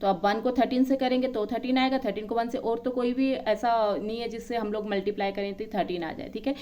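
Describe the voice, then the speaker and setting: Higher-pitched woman teacher, dull recording. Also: steady tone, a little fast, a little mellow. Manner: counts items aloud one by one, checks in often. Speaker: maths teacher. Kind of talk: explaining a classroom lesson.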